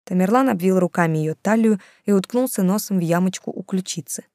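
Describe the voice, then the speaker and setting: A woman's voice: medium pitch, brisk, darkish tone, no echo. Woman narrating an audiobook, dry sound. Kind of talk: scripted narration.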